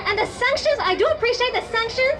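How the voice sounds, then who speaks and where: Very high-pitched impassioned woman speaker. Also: expressive, fast talker, music in the background. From Burma. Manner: impassioned, emphatic, addressing a crowd. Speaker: rally speaker. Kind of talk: protest rally speech.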